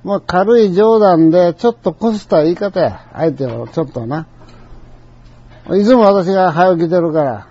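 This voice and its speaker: An older man with a Kansai accent recounts a personal anecdote in a chatty, digressive way. His voice sits a little high yet sounds soft and mellow. The recording is dull and lo-fi. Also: normal speed, breathy edge. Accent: Kansai Japanese. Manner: chatty storyteller, colloquial and digressive.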